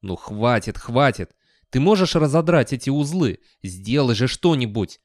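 A man's voice: mid-range voice, very animated, moderate pace, no room sound, close to an everyday voice. Jittery young man voiced by a male reader, hesitant, uneasy, dry sound. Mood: pleading. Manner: anxious, hesitant.

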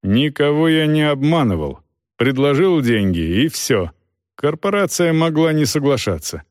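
A man voicing a calm, stern knight commander who talks plainly and dryly. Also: a little high, a little slow, no echo, studio quality. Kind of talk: audiobook character voice.

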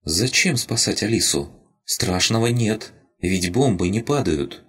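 A man's voice: lowish voice, lively intonation, a little slow, a bit bright, breathy edge, voice pushed up, exaggerated voice. A man voicing a tiny, frightened male creature that lives in a crystal, talking in broken, childlike short phrases.

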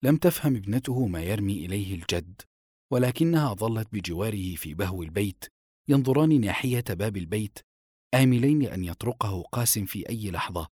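A man narrating a novel as an audiobook in expressive storytelling style. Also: on the low side, husky, no room sound, studio quality. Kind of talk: scripted narration.

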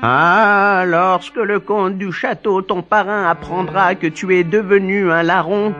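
Man as an old peasant father, high sharp voice, very expressive, emotional, storybook dialogue. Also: unhurried, dull audio, soft background music. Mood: sorrowful.

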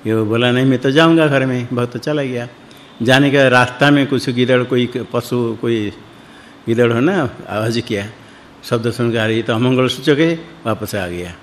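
Man, mid-pitched, spiritual teacher giving a loose, repetitive discourse, Sanskrit recitation, long reverb of a big hall. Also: normal speed, slight background noise. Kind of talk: scripture discourse in Hindi.

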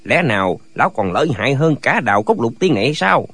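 Male actor voicing a pack of silly, bickering hermit brothers in a radio drama, husky and singsong. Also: mid-range voice, big pitch swings, fast, fairly bright tone, no echo, full character voice. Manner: bickering, argumentative back-and-forth. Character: six squabbling, foolish male martial hermits.

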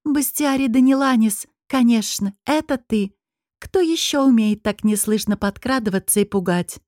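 A woman voicing a proud, hot-tempered young female mage in an audiobook, with sharp indignant retorts. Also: a little high, lively intonation, moderate pace, dry recording, clean studio sound, natural voice. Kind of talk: audiobook character reading.

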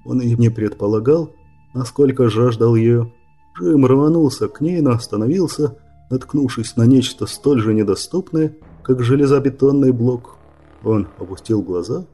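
Husky, very dark male narrator. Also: medium pitch, faint music behind. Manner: even, measured reading. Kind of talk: audiobook narration.

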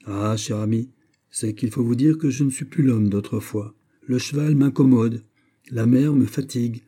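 Un homme jouant Aramis, évêque rusé. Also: male voice, mid-range voice, normal speed, dark tone, breathy edge, natural voice. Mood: musing. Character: Aramis, aging bishop, subtle and wary. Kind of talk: audiobook character reading.

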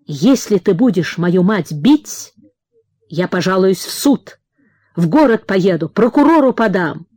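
A woman's voice: mid-range voice, expressive, measured pace, mellow, no room sound, studio quality. A woman reading an audiobook voices a desperate young son crying out in a boyish, breaking voice. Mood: pleading. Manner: pleading, crying out.

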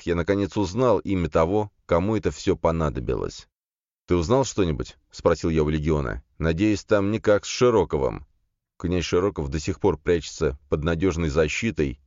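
A man narrating a first-person fantasy audiobook in a steady, measured reading voice. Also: deep voice, no room sound, highs cut off.

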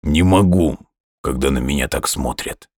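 A man doing a gruff, deep bear cub. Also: moderate pace, a little mellow, no room sound, clean studio sound. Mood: tender. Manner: gruff, grumbling. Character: gruff, caring young bear cub, male. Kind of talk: audiobook character voice.

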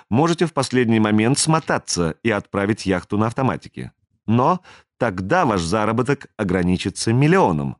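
A man voicing a businesslike alien stranger in an audiobook, speaking in a measured, persuasive and authoritative way. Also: lowish voice, dry recording, clean studio sound. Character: smooth, businesslike male alien stranger, commanding. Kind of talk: audiobook character reading.

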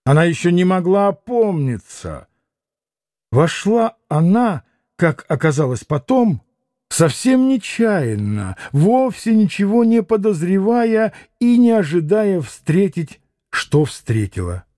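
A man reading a classic novel aloud as an audiobook narrator, steady and measured. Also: sits high, dry recording, clean studio sound.

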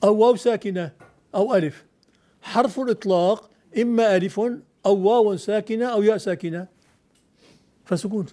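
A man with a notably high voice teaches a class on classical poetry. He fires questions at his students, then explains the rule firmly and recites the verses slowly and deliberately. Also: warm tone.

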